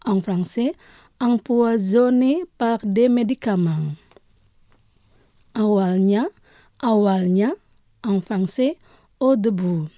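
A woman presents a radio language lesson, pronouncing each word slowly and carefully twice for listeners to repeat. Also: mid-range voice, warm tone, dry recording.

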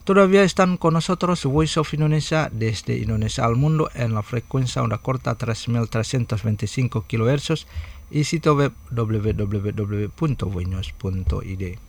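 A man's voice: medium pitch, normal speed, creaky. Formal man announcing on the radio. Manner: formal station identification. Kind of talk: scripted broadcast announcement.

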